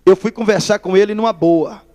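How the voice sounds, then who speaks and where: A man preaching his testimony in a church hall, telling a lively story and calling listeners brother. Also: sits high, brisk.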